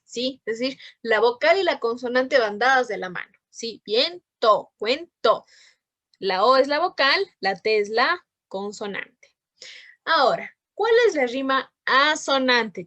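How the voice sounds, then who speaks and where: A woman's voice: high voice, a bit bright, dry recording. A woman teaching a literature class over a video call, patient and asking questions often. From Ecuador. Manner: patient, checks in with frequent questions. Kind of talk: online class lesson.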